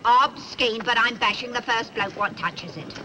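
A woman's voice: on the high side, moderate pace, noisy background, lightly acted. An actress playing a defiant working-class woman, in 1950s film style.

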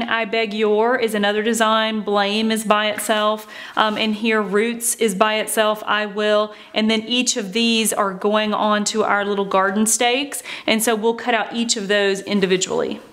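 A woman's voice: medium pitch, level tone, a little slow, few pauses, a bit bright. A woman hosting a craft tutorial, talking casually and chattily as she walks through each step, with frequent ums and "okay, so". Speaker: craft channel host.

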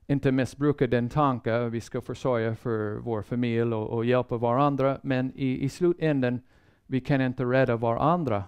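A man delivers a sermon-style Bible lecture in a measured, earnest way, with frequent pauses and restarted phrases. His voice sits in an ordinary middle register and sounds smooth and resonant. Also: mid-range voice, fairly even intonation, a little mellow. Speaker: Bible seminar speaker.

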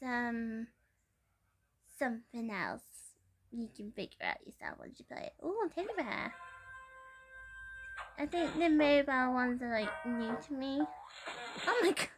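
A woman giving excitable gameplay commentary, exclaiming and giggling as she plays. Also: sits high. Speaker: gamer.

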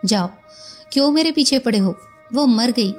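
A woman voicing a grief-stricken, volatile male professor who shouts through tears. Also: normal speed, faint music behind, natural voice. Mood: distraught. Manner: shouting, tearful, raised pitch.

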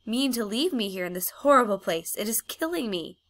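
Storybook witch queen, weakened, begging in high cries, voiced by a woman reader. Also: lively intonation, fairly quick, fairly bright tone. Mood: desperate. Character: weakened proud witch queen, desperate and faint.

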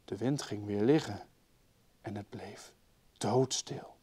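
A man's voice: slow pace, slightly rough. A man with a Dutch accent reading a children's story aloud, raising and dropping his voice for the children's lines. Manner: lively, shifts loudness and pitch for the children's lines.

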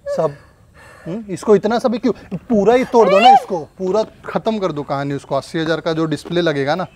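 Guy with a pretty high voice yelling and scolding at home, bit of noise behind. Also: very animated, a little fast. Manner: scolding, angry, threatening. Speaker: prankster husband. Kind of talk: staged angry argument.

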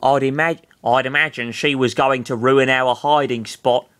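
A man's voice: medium pitch, fairly even intonation, moderate pace, fairly bright tone, clean tone, lightly acted. A man voicing a curt, stern young man who talks in terse commands.

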